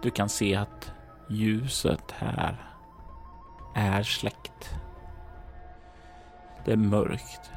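A man narrating as game master, describing scenes to the player in a calm second-person voice. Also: lowish voice, pauses often. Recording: faint music behind.

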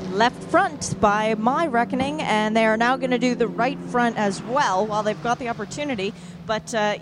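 A woman reporting live from the pit lane at a motor race. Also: a little high. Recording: clear pit lane vehicle noise.

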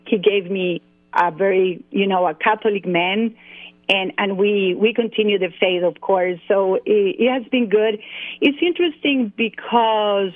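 A woman's voice: medium pitch, no room sound. Costa Rican woman over a phone line. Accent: Costa Rican Spanish. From Costa Rica. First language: Spanish. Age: 40s. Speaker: guest. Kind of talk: interview by phone. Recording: dry phone-line audio.

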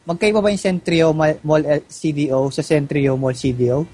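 A man's voice: on the high side, normal speed, warm tone, husky, no echo. A man co-hosting a casual tech chat who teases his partner with jokey banter. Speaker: co-host.

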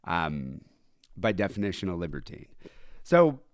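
A podcast host with a nasal voice rambles through loose, profane chat. His pitch rises and falls animatedly. The recording is close and dry. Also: very animated, unhurried, clear, resonant tone, dry recording.

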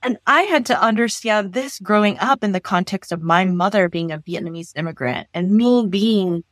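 A woman therapist from Los Angeles, talking in an animated way in an interview and often restarting her sentences. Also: mid-range voice, normal speed, no echo. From Los Angeles, United States. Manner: animated, thinks aloud with frequent restarts. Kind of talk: conversational interview.

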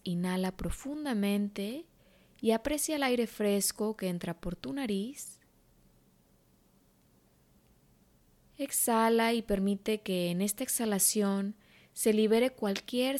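A woman leading a guided meditation, counting breaths slowly and gently with unhurried pauses. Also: mid-range voice. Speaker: meditation instructor.

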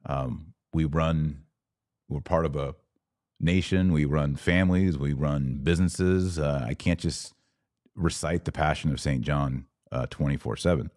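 Folksy and casual, a man from Texas reacts to comments on a live stream as a podcast host would, driving points home by repeating them. Expect a very low, darkish voice captured close and dry, without any echo.

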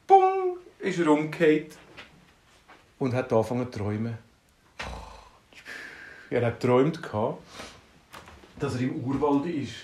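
A man with a Swiss German accent improvising a bedtime story for a child, lively and playful with sound effects. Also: fairly high pitch. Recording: roomy, distant mic, faint noise.

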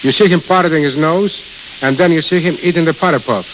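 A studio caterer, guesting on a 1930s radio show, relates anecdotes in plain speech with a brisk, fairly high voice. The old broadcast sounds dull, hissy, and crackly.

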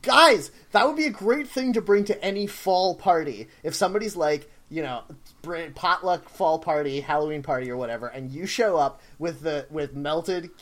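A man's voice: on the high side, lively intonation, normal speed, a bit bright. A man bantering casually with friends as a co-host, emphatic and given to mock indignation.

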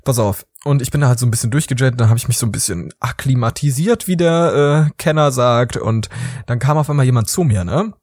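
A man's voice: mid-range voice, fairly quick, no room sound. A man co-hosting a casual chat podcast, telling stories with lots of laughter and acting out what people said. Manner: animated storyteller who acts out quotes and laughs a lot. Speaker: podcast co-host.

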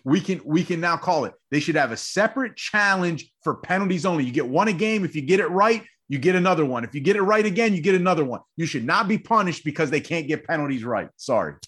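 Fired-up husky man debating sports. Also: high-pitched, a bit bright. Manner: fired up, rambling, repeats himself. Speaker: podcast co-host.

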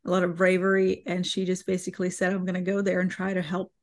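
Flat-voiced woman guest. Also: lowish voice. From Bosnia. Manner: measured, halting, with many fillers. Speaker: podcast guest. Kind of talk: personal interview storytelling.

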